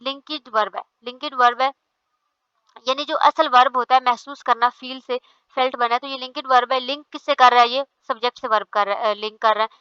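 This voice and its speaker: Bright, crisp woman lecturing step by step. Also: sits high, steady tone, fast, no echo, lo-fi sound. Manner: explains step by step, often says "theek hai". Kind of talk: explaining a lecture.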